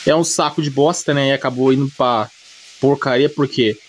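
With fairly even intonation at normal speed, a medium-pitched Brazilian-accented man narrates an anime recap as a video creator. He comments casually and without a script, colloquial and repetitive, adding little check-in tags; a little hiss or hum is audible.

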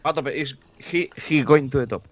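A man co-hosting a casual comedic chat, with quick teasing banter. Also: fairly high pitch, muffled recording, a loud crowd. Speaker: co-host.

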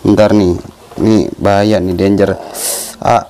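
A man's voice: low-pitched, little pitch movement, measured pace, noisy background. A man vlogging casually from his home bird cages, chatting to viewers and coaxing his birds in a playful voice, filmed on a phone. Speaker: pet bird keeper and channel host. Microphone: phone camera. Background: bird calls and clicks.

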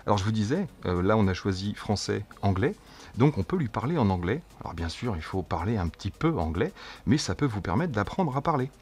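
A man casually demonstrating a gadget as a tech reviewer, chatty and jokey, and speaking his test phrases slowly and clearly. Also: fairly low pitch, big pitch swings, a little mellow. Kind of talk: casual product demo.

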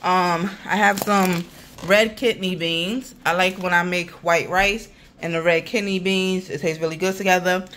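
In her apartment kitchen, a woman films a grocery haul vlog on a handheld phone, chatting casually and addressing viewers as "y'all." Her voice is fairly low, fairly bright and fairly even, and she talks a little slowly. There's slight background noise.

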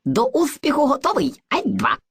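A woman voicing a playful, hesitant male sprite of mixed slang speech in an educational cartoon, with a husky voice and a bouncy, exaggerated delivery. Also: high voice, big pitch swings, normal speed, dry recording, studio quality, exaggerated voice. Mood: cheerful.

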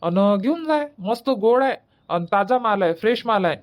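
Village fruit hawker, played by a man: cheery sing-song seller, raised pitch. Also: expressive, moderate pace. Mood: friendly. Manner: calling out wares in a sing-song.

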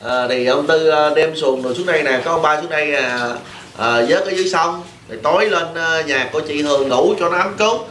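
A man's voice: a little high, a little fast, fairly bright tone. A man, hosting a casual vlog chat in a teasing, chatty way. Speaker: vlog host. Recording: roomy, noisy phone video.

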